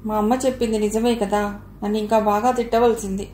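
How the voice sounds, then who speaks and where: A woman's voice: mid-range voice, level tone, fairly quick, a little mellow, close to an everyday voice. Earnest young wife, remorseful, read by a woman; roomy. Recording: roomy recording, faint hiss.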